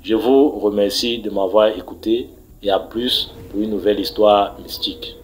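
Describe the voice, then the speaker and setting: A man's voice: on the low side, moderate pace, a little hiss or hum, low-quality recording. A man from Cameroon sending a recorded message, preachy in tone, stumbling and repeating words as he urges listeners to pray. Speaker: story contributor. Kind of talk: recorded voice message telling a mystical story.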